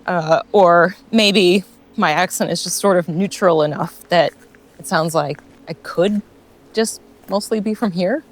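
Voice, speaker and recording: She has a lowish voice and a measured pace. A Russian-born woman in her forties with a mostly American accent, lightly shaped by years in New Zealand, she vlogs from a bush walk outdoors, rambling casually, laughing frequently and using lots of fillers.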